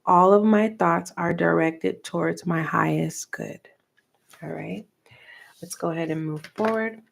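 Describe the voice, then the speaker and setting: A middle-aged woman giving a tarot reading for viewers, talking softly and slowly and pausing as she reads the cards aloud. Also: on the low side, vocal fry. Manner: slow, soft and meditative, reading cards aloud with pauses. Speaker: tarot reader.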